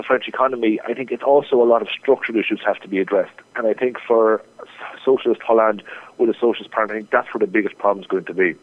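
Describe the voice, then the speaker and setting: A man on a tinny, narrow phone line answers interview questions at a brisk clip. His voice sits fairly low, and he often restarts and repeats words mid-thought. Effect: over the phone. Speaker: market strategist guest.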